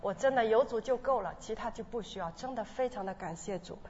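A woman's voice: fairly high pitch, a little mellow, a little hiss or hum. Earnest woman giving testimony in a hall. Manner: earnest, emotional, with halting restarts. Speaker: church member giving testimony. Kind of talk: personal testimony. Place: church hall. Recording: dull sound in a large reverberant hall with faint ambience.

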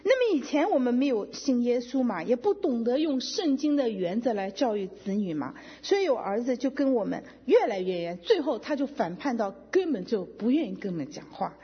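Middle-aged woman, testimony speaker; husky, animated delivery, long hall echo. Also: fairly high pitch, fairly quick, hardly any pauses. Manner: emotional, animated storytelling with quoted dialogue. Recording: dull lo-fi sound with long hall reverb.

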